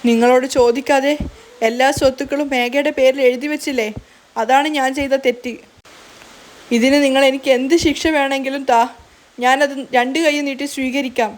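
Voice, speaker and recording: A woman's voice: high-pitched, fairly even intonation, normal speed, lightly acted. A woman voicing a remorseful older grandmother who blames herself and pleads in a spoken serial recap. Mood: lamenting. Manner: pleading, lamenting. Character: remorseful older grandmother, tearful and self-blaming.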